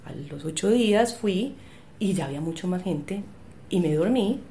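A woman's voice: mid-range voice, lively intonation, moderate pace, warm tone, a little hiss or hum. A woman, telling her story as an interview guest and acting out the dialogue she recalls. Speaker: medium, podcast guest.

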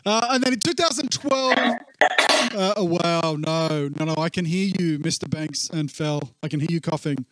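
A man's voice: on the high side, moderate pace, fairly bright tone. A man giving an informal, discursive church talk as pastor, his voice muffled and gurgling as if underwater from a faulty recording. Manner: conversational, discursive. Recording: muffled, warbly, underwater-sounding audio.

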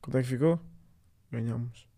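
A young man of eighteen answers casually as a podcast guest. His voice is noticeably creaky and recorded very dry, and his replies come short and hesitant. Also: medium pitch, brisk, mellow, no echo. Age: 18 years old. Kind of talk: casual interview chat.

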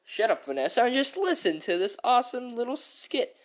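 A woman's voice: very animated, brisk. A woman voicing a brash boy who thinks he is cool, speaking through a voice changer that drags her voice far down. She rambles and bosses others around, with plenty of fillers. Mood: smug. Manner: bossy, rambling, full of fillers. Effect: voice changer pitching the voice far down. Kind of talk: playful home skit.

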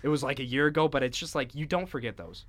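A young man co-hosting a casual podcast, telling a story with animated acted-out quotes and stumbling restarts. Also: medium pitch, fast. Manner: animated storyteller, acts out his own quotes. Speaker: podcast co-host. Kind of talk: casual chat.

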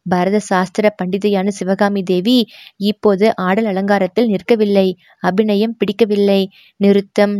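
A woman's voice: mid-range voice, dark tone, no room sound, close to an everyday voice. A proud young prince speaks, hurt and stung, as a woman reading the story puts him on. The voice sits only a little above her own. The recording is close and dry. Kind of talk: audiobook narration of a historical novel.

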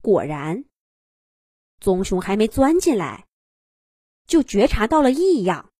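A woman narrating a children's animal story in an expressive, dramatic way. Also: medium pitch, takes it slowly, breathy edge, no room sound, clean studio sound.

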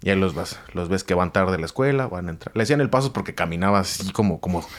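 A man's voice: low voice, expressive, very fast. A Mexican man casually telling a funny street-fight story on a podcast, swearing freely and acting out other people's voices. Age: adult, grew glasses as adult.

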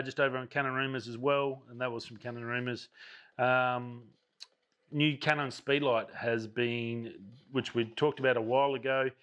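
A man's voice: mid-range voice, fairly bright tone. A man, out of breath and chatty, talking enthusiastically about camera news in his daily vlog. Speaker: vlogger.

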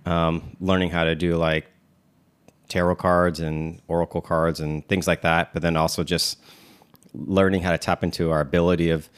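A man's voice: low-pitched, level tone, moderate pace, clear, resonant tone. A man in his thirties co-hosting a casual chat, rambling with many fillers and restarts. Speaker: podcast co-host.

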